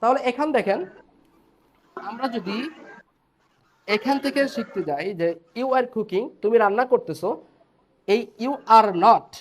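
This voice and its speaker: A man's voice: high voice, animated, a little slow, long pauses. Male teacher, patient step-by-step explainer, faint noise behind. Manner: explains step by step, checks in with students. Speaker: English teacher. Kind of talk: online class lecture.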